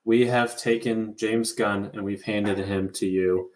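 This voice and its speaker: A man's voice: fairly low pitch, steady tone, unhurried, darkish tone. A man hosting a casual podcast chat over an internet call, talking in a loose, rambling way with some swearing. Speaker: podcast host.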